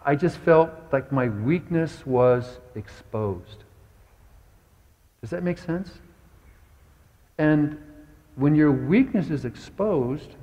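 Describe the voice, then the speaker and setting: A man preaches a sermon in an easy, conversational way, telling stories and often turning to ask his listeners questions. His voice sits a little high for a man. Long reverb from the church sanctuary trails each phrase. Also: warm tone. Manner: conversational and anecdotal, asks the congregation questions. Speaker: pastor.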